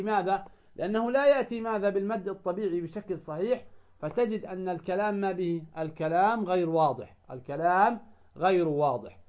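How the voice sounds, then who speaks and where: Guy with a high voice teaching recitation, keeps asking "what?" then answering himself, dull lo-fi sound. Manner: asks the listener a question, then answers it himself; drawn-out chanted recitation of verses. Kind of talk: tajweed lesson.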